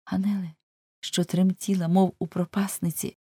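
A woman reading a story aloud as an audiobook narrator, expressive and dramatic. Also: fairly low pitch, normal speed, husky, dry recording, studio quality. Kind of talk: scripted narration.

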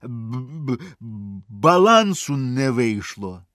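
Guy putting on a drunk wet hunter pal, yells high from far off, stammers after. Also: lively intonation, slow pace, no echo, clean studio sound. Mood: sheepish mumbling. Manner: shouting from afar, then stammering. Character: tipsy soaked male hunter friend, clumsy.

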